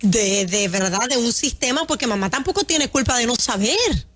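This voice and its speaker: A woman hosting a radio talk show, telling a story in an earnest, brisk way. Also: fairly high pitch, animated, fairly bright tone.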